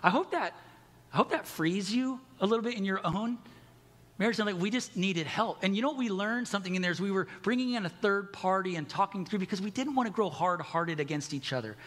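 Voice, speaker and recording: A man's voice: high-pitched, fairly quick, fairly bright tone, big-room sound. A middle-aged man preaching a sermon as pastor, candid and conversational, with self-deprecating humor.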